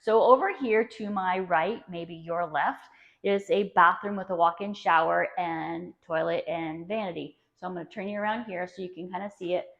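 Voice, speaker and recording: A woman's voice: fairly low pitch, normal speed, gravelly. A woman real estate agent gushing chattily through a casual walk-through tour of a house as she moves from room to room. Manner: gushing, chatty sales talk. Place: indoors, walking through a house. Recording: dull, lo-fi sound.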